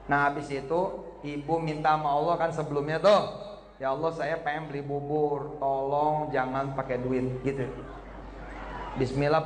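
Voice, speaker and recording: A man preaching to a live evening congregation, telling lively jokey stories and acting out every character's lines. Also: fairly high pitch, noisy background. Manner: lively storytelling, acts out dialogue in voices, joking. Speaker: Islamic preacher. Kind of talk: humorous sermon to a live congregation. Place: evening gathering before an audience. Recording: echoey hall with loud background ambience.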